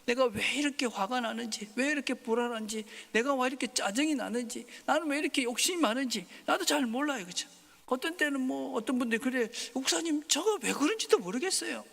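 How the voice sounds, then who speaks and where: A male pastor preaching a Sunday sermon, swinging from loud emphasis to soft whispers. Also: very high-pitched, brisk, creaky. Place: church sanctuary. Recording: long hall reverb.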